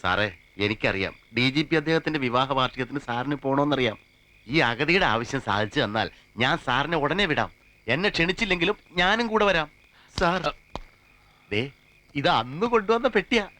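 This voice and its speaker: A comic film character who grovels before an officer in flowery, over-the-top language. His voice swings widely and sounds bright. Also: on the high side, lively intonation, normal speed, a little hiss or hum. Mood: pleading. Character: fawning, theatrical man begging an officer.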